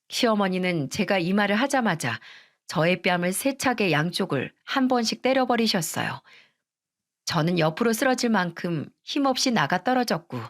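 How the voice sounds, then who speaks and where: A woman narrating a first-person story in an earnest, confessional way. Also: medium pitch.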